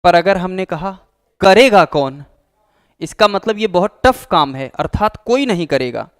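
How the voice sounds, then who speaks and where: A man's voice: high voice, animated, moderate pace, clear, resonant tone. A man teaching an exam-prep Hindi grammar lesson, explaining patiently, repeating key terms and acting out example phrases.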